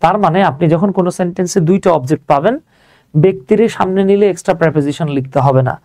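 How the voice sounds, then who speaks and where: Speaking rapid-fire in a high voice with a dark tone, a man with a Bangladeshi accent gives an informal, step-by-step grammar lesson. He stays conversational, often questioning learners rhetorically as he explains, and there's no room sound.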